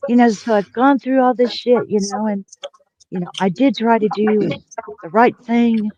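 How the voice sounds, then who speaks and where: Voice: medium pitch, steady tone, moderate pace, darkish tone, no room sound. A person in their sixties calling into a casual panel, venting with frustration and a lot of swearing. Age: 60s. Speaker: panel caller. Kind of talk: casual chat. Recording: dry, muffled lo-fi line.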